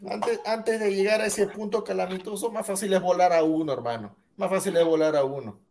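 Man, raised pitch, stubborn debater who hammers one question. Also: a little fast, a little mellow. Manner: insistent, stubborn, repeats his point. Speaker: podcast co-host. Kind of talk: heated football debate.

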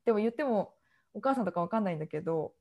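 A woman's voice: medium pitch, racing. A young woman from Japan co-hosting a podcast, chatting casually and laughing often as she tells stories. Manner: animated, laughs often while telling stories. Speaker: podcast co-host. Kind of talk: casual chat.

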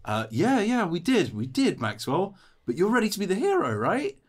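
A man's voice: sits high, wildly swooping pitch, moderate pace, voice pushed up, heavily acted. Smug, patronizing woman boss in a tabletop game, played by a man in a raised voice. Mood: coaxing. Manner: condescending, patronizing. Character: smug manipulative woman in charge.

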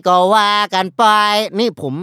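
A young man co-hosting a casual comedy podcast, talking in a deadpan way and stacking up puns. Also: a little slow, dry recording, studio quality. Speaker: podcast co-host.

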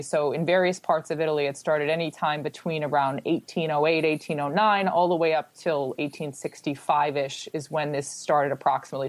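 A woman from the Boston area, an expert guest explaining how to research family records, often acting out quick quoted exchanges. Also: deep voice, dry recording. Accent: Boston-area American. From United States. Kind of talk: casual interview answers.

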